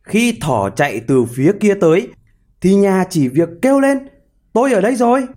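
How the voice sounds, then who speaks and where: A clever, scheming male hedgehog from a storybook, voiced by a male narrator. He talks briskly and plainly, his pitch moving in lively turns. The voice sits a little high. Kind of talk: storybook character voice.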